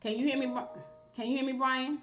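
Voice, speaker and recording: A woman's voice: high-pitched, level tone, fairly quick, a bit bright, soft background music. Woman, casual stream host, chatty, muffled lo-fi sound. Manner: chatty, talks to viewers while fixing tech. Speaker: show host. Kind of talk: casual live-stream interview.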